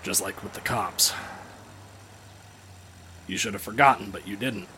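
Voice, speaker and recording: A man's voice: fairly low pitch, measured pace, bright, forceful tone. A man playing a nervous, urgent investigator who is wary of his partner. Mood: uneasy. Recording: gravelly with noisy background.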